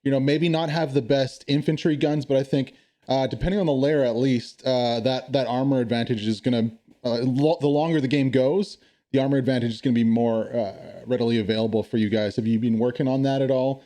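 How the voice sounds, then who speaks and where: A man's voice: medium pitch, fairly even intonation, brisk, dark tone. A man hosting a casual interview with esports team commanders, friendly and talkative with many fillers.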